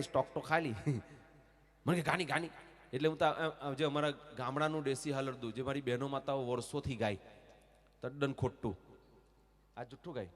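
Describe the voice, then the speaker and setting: A man's voice: medium pitch, long reverb tail. A man with a Surati Gujarati accent telling comic stories on stage, acting out dialogue and sometimes singing. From Surat region, Gujarat. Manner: animated storyteller, acts out dialogue, breaks into song. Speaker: stage comedian and folk performer. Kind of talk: live comic storytelling with sung lullabies. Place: stage at a temple festival, live audience.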